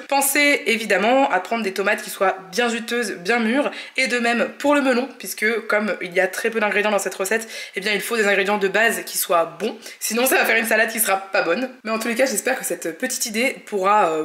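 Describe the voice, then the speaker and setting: A woman's voice: on the high side, a bit bright. A woman hosting a cooking channel, narrating a recipe in a friendly, explanatory way and giving tips. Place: home kitchen. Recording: roomy echo, faint noise.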